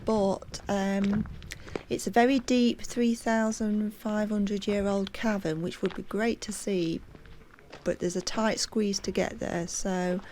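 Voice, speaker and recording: Outdoors on a hillside, a walking vlogger narrates a casual tour in a mellow, medium-pitched woman's voice, with slight background noise. She's chatty and hesitant, dropping plenty of ums, and sometimes sounds out of breath from the climb.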